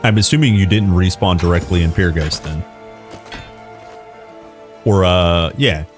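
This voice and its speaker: A man's voice: sits low, a little slow, soft background music. A man streaming a game live, chatting casually in an informal, enthusiastic, rambling way.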